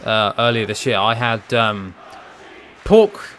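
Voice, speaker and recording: A man's voice: lowish voice, big pitch swings, slow pace, fairly bright tone, some chatter behind, slight background noise. A young man from England, chatting casually and ramblingly while streaming a fighting game, with frequent restarts and some mild swearing. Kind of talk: casual chat while gaming.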